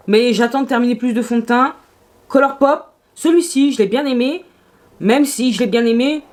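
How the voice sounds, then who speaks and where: A woman vlogging casually about her makeup, gushing and exclamatory in a chatty way. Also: on the high side. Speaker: beauty vlogger.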